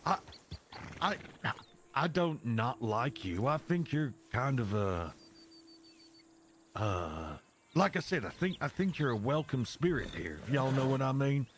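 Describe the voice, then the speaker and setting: A man's voice: mid-range voice, big pitch swings, unhurried, a little hiss or hum. A man voicing a folksy, foul-mouthed cowboy peacemaker who rambles and repeats himself in an improvised western role-play. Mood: friendly, earnest.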